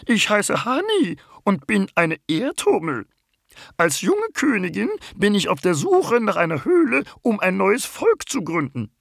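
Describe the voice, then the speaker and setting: Guy putting on a tiny squeaky bumblebee queen, sleepy and sorry, super high and swoopy, storybook. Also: wildly swooping pitch, gravelly, a bit bright, dry recording, studio quality, heavily acted. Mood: apologetic. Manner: squeaky, drawn-out, dizzy. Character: sleepy young female bumblebee queen, apologetic.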